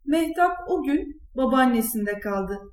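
High-voiced woman reading a children's story. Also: animated, a little slow. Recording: echoey room.

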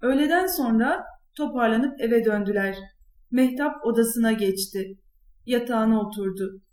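A woman with a high voice reads a children's story aloud. Her reading is clear and expressive. The recording is roomy and echoey. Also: measured pace. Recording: echoey room.

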